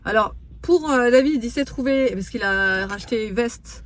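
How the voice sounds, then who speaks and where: A woman in her thirties chatting fast in a casual vlog, with many fillers, recorded in a car. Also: a little high. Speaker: vlogger. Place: parked car, then at home.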